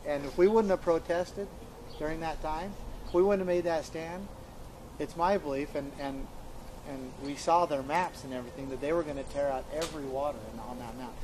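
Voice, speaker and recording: A man with a slightly high voice tells his story in a conversation, earnest and emphatic. He often repeats and restarts his words as he goes. There is a faint hiss of background noise in the recording. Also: low-quality recording. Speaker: interviewee recounting events.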